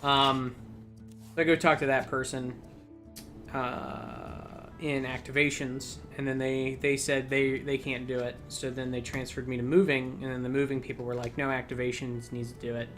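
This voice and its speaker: A man's voice: mid-range voice, level tone, moderate pace, fairly bright tone, faint music behind. A young man chatting casually while playing a card game, telling a long story with lots of fillers and restarts. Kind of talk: casual let's-play chat.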